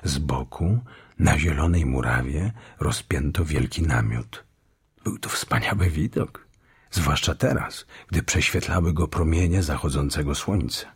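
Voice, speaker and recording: A man narrating a children's fantasy audiobook in slow, measured storytelling. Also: a bass voice, slightly rough. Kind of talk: scripted narration.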